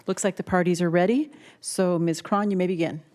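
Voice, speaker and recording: A woman presiding over a court session, opening the argument and handling procedure in a brisk, lightly informal way. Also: fairly low pitch, steady tone, a little mellow. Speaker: presiding judge.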